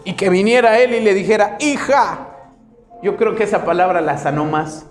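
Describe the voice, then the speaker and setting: Guy pastor preaching, mid pitch, roomy echo, faint music underneath, gets loud then real quiet. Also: moderate pace. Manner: dramatic preaching with wide swings in loudness and pace. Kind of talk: sermon.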